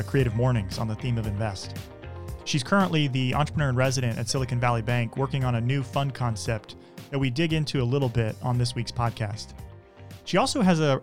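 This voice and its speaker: A man hosting a podcast: he reads a scripted intro, then interviews his guest in a measured, friendly way. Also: medium pitch. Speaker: podcast host.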